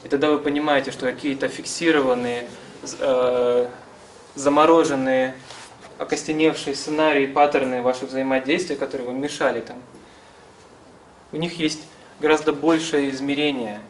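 A man's voice: medium pitch, fairly even intonation, normal speed. A man in his thirties giving an informal seminar lecture and answering questions, hesitantly searching for words as he explains. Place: small classroom-like seminar room, indoors. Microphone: camera some metres away. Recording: distant camera mic, faint room noise.

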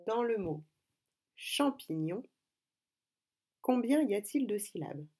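A woman teacher giving a slow, clear phonics lesson to young pupils. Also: mid-range voice, lively intonation, darkish tone. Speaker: primary school teacher.

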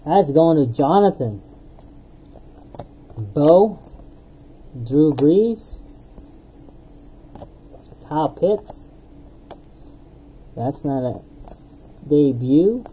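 A woman opens card packs on a live break at her indoor streaming desk surrounded by card boxes, announcing player names, laughing at herself, her voice giving out. She speaks very slowly in a low, warm, expressive voice, pausing often. The recording is rough, with a little hiss or hum.

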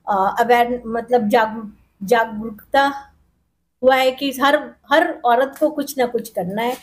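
Hesitant middle-aged woman, mellow voice. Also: on the high side. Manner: hesitant, with many pauses and fillers. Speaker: salon owner and makeup artist. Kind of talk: on-camera interview. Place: indoor salon with tiled walls. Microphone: handheld reporter mic.

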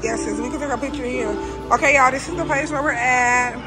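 A woman's voice: high voice, a little fast, loud music behind the voice. A woman in her thirties vlogging around a city on a handheld phone camera, chatting casually to viewers and calling them y'all. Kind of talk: casual vlog narration. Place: city streets, cafes and restaurants. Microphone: phone camera at arm's length.

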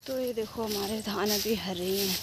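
A young woman from the Uttarakhand hills talking softly and casually as she films her day around home and fields, with a scratchy throat. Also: medium pitch, normal speed. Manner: soft, chatty running commentary. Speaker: vlogger. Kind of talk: casual vlog narration. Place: rural home and fields, outdoors. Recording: loud background noise.

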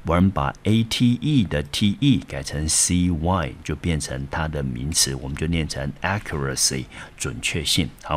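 A man's voice: deep voice, a little hiss or hum. A man teaching English vocabulary in Mandarin with a Taiwanese accent, explaining step by step with frequent fillers. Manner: explanatory, repeats words, frequent "好" and "呢". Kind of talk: vocabulary lesson.

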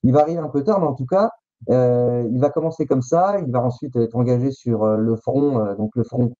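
A man, a guest author, telling history stories in a halting way, often restarting his phrases and teasing suspense. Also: medium pitch, mellow, dry recording, muffled recording. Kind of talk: storytelling history chat.

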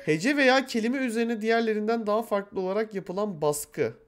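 A man's voice: high voice, fairly quick, noisy background. A man streaming live, reading quiz clues aloud and teasing his friends in a casual, joking way.

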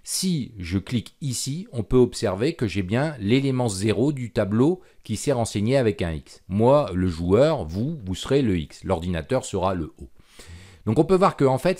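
A man teaching a software tutorial over a screen recording, talking with frequent fillers and restarts. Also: mid-range voice, expressive, normal speed. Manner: hesitant, many fillers and restarts. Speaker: programming instructor.

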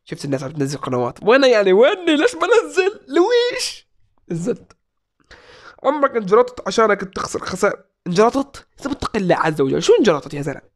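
This twentysomething man has a high voice with huge pitch swings and talks fast. At a desk in a small room, he hosts a casual Q&A vlog, reading out viewer comments and joking his way through the replies.

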